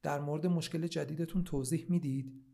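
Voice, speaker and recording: A man voicing a calm psychiatrist in a read-aloud story, asking measured questions. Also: fairly high pitch, creaky. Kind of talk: storybook reading.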